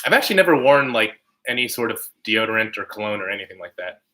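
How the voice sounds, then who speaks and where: Slightly nasal man with a bright voice. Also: fairly low pitch, lively intonation. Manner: frequent throat clearing, halting. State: lingering cold symptoms. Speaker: channel host livestreaming to viewers. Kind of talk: casual livestream chat, answering comments.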